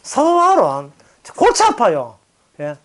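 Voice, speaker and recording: A male pastor with a Gyeongsang Korean accent giving an animated Bible lecture, acting out quoted voices and chuckling. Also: very high voice, unhurried.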